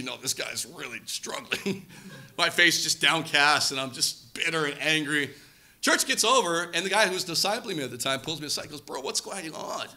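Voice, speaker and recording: Male preacher in his thirties, animated storyteller, high and bright, acts out quotes. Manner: animated, acts out quoted voices, shouts for effect. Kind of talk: storytelling sermon.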